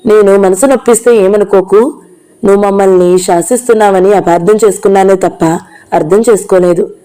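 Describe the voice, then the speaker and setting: Reader as a sorry, earnest aunt in a storybook reading; soft and warm timbre. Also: female voice, mid-range voice, brisk, lightly acted, poor audio. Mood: apologetic. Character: remorseful middle-aged aunt Kamalamma.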